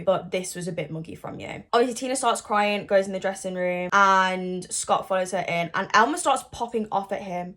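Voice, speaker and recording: A young woman doing casual reaction commentary on a reality show, expressive and sassy, often exclaiming in disbelief. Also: mid-range voice. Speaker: reality TV recapper.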